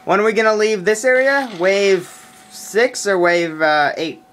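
A man's voice: high-pitched, a little slow, fairly bright tone, a little hiss or hum. A man in casual chat while playing a zombie shooter with a friend, joking and swearing. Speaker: gamer.

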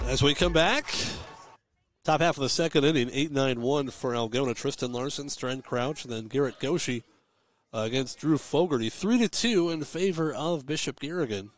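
A man calling live high school baseball on the radio from a ballpark press box, giving steady pitch-by-pitch calls with chatty, folksy asides. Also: normal speed. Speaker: play-by-play radio announcer. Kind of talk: live radio sports commentary.

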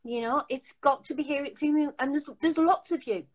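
Speaking a little fast in a high voice, the older woman is hosting from a room at home over a video call. She keeps the chat casual, emphatic, and full of restarts.

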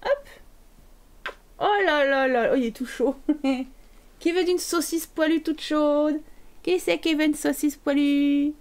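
A woman's voice: high voice, takes it slowly, pauses often, a little mellow. A woman streaming a life-sim game, joking crudely and talking to the characters on screen. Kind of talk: casual gameplay commentary.

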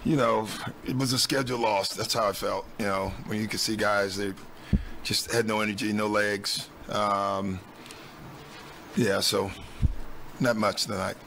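A man's voice: fairly low pitch, steady tone, a little slow, pushed and bright, a little hiss or hum. A man in his sixties, a head coach answering reporters at a postgame press conference on a desk mic, blunt and matter-of-fact with frequent ums. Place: team press room. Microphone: desk mic on stand.

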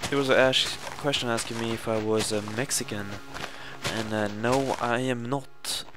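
A young Swedish man with a Swedish accent hosts a gaming channel, giving casual Let's Play commentary at a medium pitch, normal speed and fairly even intonation. He fills his narration with fillers and self-corrections. Game music plays behind him against a noisy background.

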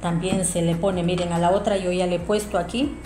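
Speaking briskly in a lowish, level voice, a woman leads an informal craft tutorial from a small room at home. She addresses viewers directly step by step, with music playing and the room echoing.

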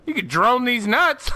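Excitable gaming host, man, very high bright voice, unhurried, shouts and curses at the match. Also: a little hiss or hum. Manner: excitable, profane, shouts at the game; laughs often. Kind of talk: live gameplay commentary.

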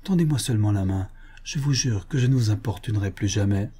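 A man voicing a sinister male hypnotist villain who gives low, slow, imperious commands. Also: dark tone, husky. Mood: pleading.

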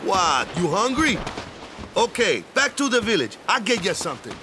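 Wakka, a lively team captain. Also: male voice, high voice, moderate pace, a little hiss or hum, heavily acted. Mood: friendly, upbeat. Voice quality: casual, clipped phrasing with tag questions. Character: friendly brawny male island ball-team captain, easygoing, devout. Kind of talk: video game cutscene dialogue. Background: music.

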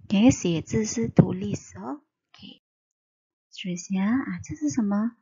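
A Malaysian woman teacher spelling out syllables slowly for young children in a reading lesson. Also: medium pitch, warm tone, breathy edge, muffled recording. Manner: slow, drawn-out spelling of letters and syllables. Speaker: primary school teacher.

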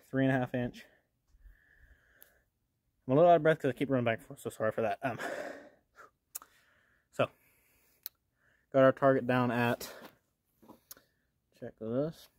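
A man's voice: medium pitch, a little mellow, a little hiss or hum. A young man hosting a casual outdoor vlog, talking plainly and folksily to viewers while he works. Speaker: outdoors channel host. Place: outdoors at a shooting range.

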